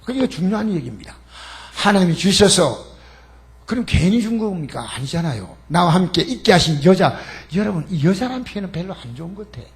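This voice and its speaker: An older man preaching a Sunday sermon as pastor, emphatic and animated, calling out to the congregation and mixing in humorous asides. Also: sits high, fast. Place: church sanctuary.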